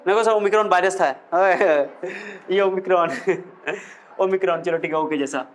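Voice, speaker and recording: A man's voice: high-pitched, moderate pace. A man teaching a physics class, quizzing his students as he explains. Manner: lively, coaxing, quizzes students with questions. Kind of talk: classroom lecture.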